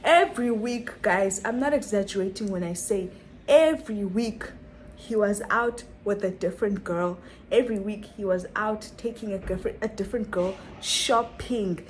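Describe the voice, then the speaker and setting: A woman's voice: medium pitch, normal speed, slight background noise, low-quality recording. A young woman telling a dramatic story on her vlog, full of rhetorical questions and repetition. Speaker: vlogger.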